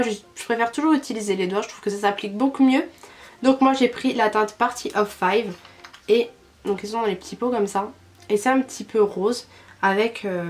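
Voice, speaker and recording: Young woman, beauty vlogger, fairly high voice, chatty, lots of fillers. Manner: chatty, frequent "euh" fillers. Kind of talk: casual product review.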